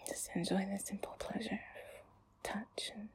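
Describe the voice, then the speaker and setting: A young woman whispering in a close ASMR chat, often giggling and sighing softly. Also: mid-range voice, flat delivery, measured pace, breathy edge. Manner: soft whispering with frequent giggles and sighs. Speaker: ASMR creator.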